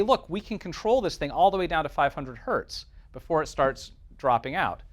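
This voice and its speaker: A medium-pitched, slightly bright male voice belongs to a teacher leading an informal class. He explains technical points as he moves along, pausing to check in with the room through "right" and "okay."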